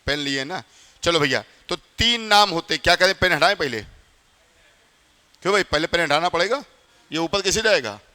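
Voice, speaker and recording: A man's voice: on the high side, animated, normal speed, long pauses, sharp tone, in a large hall. A man teaching a class in a casual, chatty way, often quizzing his students, with a north Indian Hindi accent. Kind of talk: classroom lecture.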